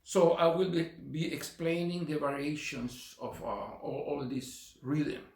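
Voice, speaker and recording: Unhurried and creaky, with a slightly high and slightly mellow voice, he teaches percussion in a laid-back way. This middle-aged man from Chile speaks with a Chilean Spanish accent, fills his speech with fillers, and counts beats out loud in an echoey room carrying faint noise.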